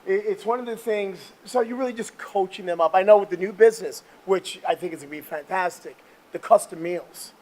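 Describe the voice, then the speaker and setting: A high-voiced man hosts a chatty motivational interview while working out on a treadmill. He talks with a salesman's emphatic push, keeping it casual and punchy. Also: fairly quick, darkish tone. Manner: talking while exercising on a treadmill. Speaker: interview show host.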